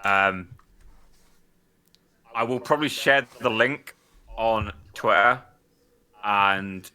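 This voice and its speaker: Male stream host, fairly low voice with a sharp edge, blunt and sweary, casual banter. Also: drawn-out words, smooth.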